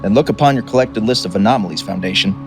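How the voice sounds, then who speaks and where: A man's voice: fairly low pitch, fast, pitched below the performer's own voice, lightly acted. A man voicing a grandiose, mercurial chaos god and toymaker, theatrical and boastful, turning chatty and wry. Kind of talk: dramatic reading. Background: music.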